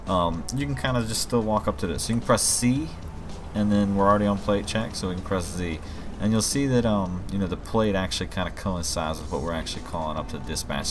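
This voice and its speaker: Demonstrating a game mod he made himself, a low-voiced man gives a loose, rambling walkthrough full of casual explanations. Game music, passing vehicles and police sirens sound behind his voice, along with some background noise.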